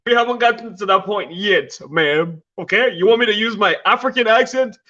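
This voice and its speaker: Man, podcast co-host, bright high voice, insistent, teasing, slightly muffled lo-fi audio. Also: brisk. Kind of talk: casual debate chat.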